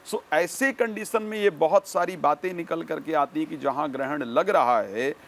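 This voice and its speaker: A man speaking as an expert guest, giving formal, measured instructions point by point. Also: fairly high pitch, fairly bright tone. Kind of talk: explanatory interview answers.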